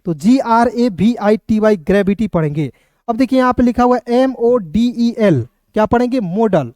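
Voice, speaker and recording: A man's voice: sits high, animated, moderate pace, mellow, dry recording. A male teacher giving an online phonics lesson, spelling words out letter by letter, asking the viewers questions and answering them himself. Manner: addresses viewers as friends, asks and answers own questions.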